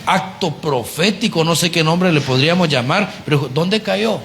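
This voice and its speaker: A man preaching a conversational sermon, animated and often putting rhetorical questions to the congregation. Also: fairly high pitch, moderate pace, slight background noise.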